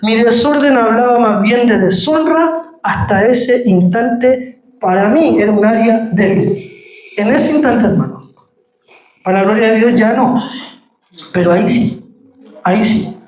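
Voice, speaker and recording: A man's voice: very high-pitched, measured pace, long pauses, darkish tone. A man giving a sermon testimony, telling a story and calling the listeners brother. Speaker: preacher. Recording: roomy echo.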